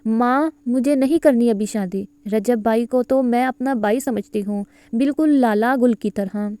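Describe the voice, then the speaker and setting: A woman's voice: fairly high pitch, steady tone, darkish tone, clear, resonant tone, dry recording, natural voice. A woman voicing a stubborn young woman who pleads through tears to keep studying. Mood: pleading. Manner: pleading, childlike weeping. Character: young woman, tearful, stubborn about her studies.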